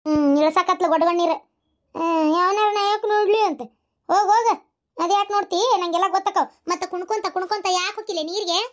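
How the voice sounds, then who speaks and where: Casting: woman as a mocking village mother-in-law, North Karnataka Kannada accent, very high shrill voice. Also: fairly even intonation, quick pace. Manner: scolding, mocking. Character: sharp-tongued older village mother-in-law. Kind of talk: village family skit.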